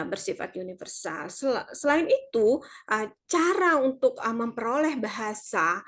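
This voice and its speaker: A woman lecturer giving an online university lecture, explaining at length with frequent hesitations and fillers. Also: on the high side.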